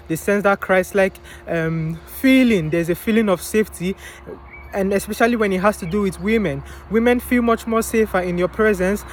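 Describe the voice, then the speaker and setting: A young motivational vlogger with a high-pitched voice delivers a casual, preachy monologue, posing rhetorical questions and answering them himself while calling the listener "bro" and "man." There's slight background noise.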